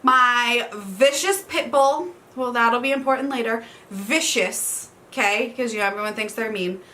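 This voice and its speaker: Chatty woman, bright voice. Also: a little high, measured pace, a little hiss or hum. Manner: chatty, swears, says y'all, laughs often. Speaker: book vlogger. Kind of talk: casual book tag chat.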